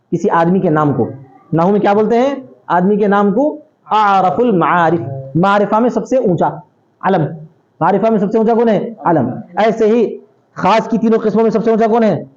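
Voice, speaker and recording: A man teaching Islamic legal theory, reading Arabic lines aloud, then explaining them and quizzing his students. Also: high voice. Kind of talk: classroom lecture on a text. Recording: dull lo-fi recording.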